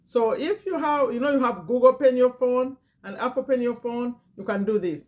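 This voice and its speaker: Her voice sits on the higher side, brisk and somewhat dark in tone. This middle-aged business owner and channel host from Virginia, USA, has a foreign accent and talks informally to camera, reading a list aloud and repeating phrases.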